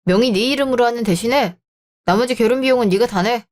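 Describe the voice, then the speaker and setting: A woman puts on a controlling young man in a radio drama. He is condescending and bullying, and he sits slightly high in pitch. The read has the even, synthetic polish of a story-channel narration. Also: fast, close to an everyday voice. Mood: scheming.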